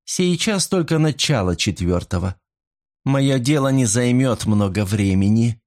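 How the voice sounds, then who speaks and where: A man voicing a cold, scheming young woman who speaks in a deliberate, icy way, in a storybook reading. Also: medium pitch, animated, a little mellow, pitched above the performer's own voice, lightly acted. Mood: icy, calculating.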